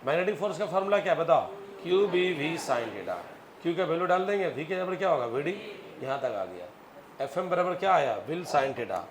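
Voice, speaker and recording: A man's voice: fairly high pitch, animated, moderate pace, crowd noise. A man teaching physics, telling a story and quizzing his students. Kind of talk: classroom lecture with storytelling. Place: classroom. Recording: echoey classroom, faint noise.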